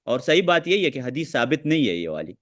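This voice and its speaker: A man teaching a hadith lesson who talks quickly and quotes Arabic texts while answering questions. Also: medium pitch, sing-song, fairly bright tone. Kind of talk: online lecture with questions.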